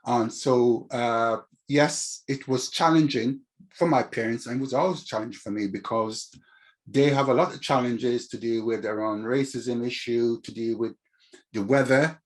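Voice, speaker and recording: A man's voice: medium pitch, normal speed. Older caribbean guy chatting in an interview, community activist type, thinking back as he talks. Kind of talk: reflective interview talk.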